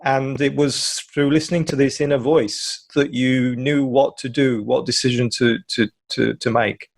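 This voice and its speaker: A man's voice: medium pitch, steady tone, moderate pace, gravelly, dry recording. A man hosting an interview, affirming his guest with stumbling phrasing. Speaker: host. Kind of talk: casual interview talk.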